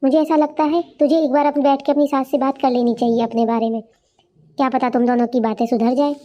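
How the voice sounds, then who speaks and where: A woman voicing a supportive young female friend on the phone in a cartoon, giving brisk, indignant advice. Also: sits high, little pitch movement, mellow, lightly acted. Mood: advising. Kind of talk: cartoon voice acting.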